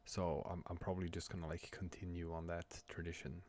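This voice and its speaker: A man chatting casually on a livestream from home, talking quietly but clearly, soft and halting as if others are asleep nearby. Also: low-pitched, completely flat delivery. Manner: quiet but clear, soft late-night talking to avoid waking a child; halting, hesitant. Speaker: livestream host. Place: room at home.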